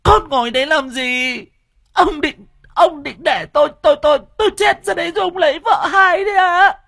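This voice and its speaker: A shrieking pregnant wife in labor. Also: male voice, expressive, normal speed, a bit bright, no room sound, studio quality, heavily acted. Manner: stammering shrill wailing.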